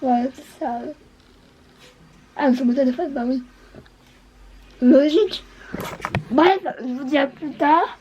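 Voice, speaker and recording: A woman's voice: high-pitched, slow, long pauses, mellow, dull audio, a little hiss or hum. A woman beauty vlogger chatting casually, hesitant and full of fillers. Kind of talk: casual chat.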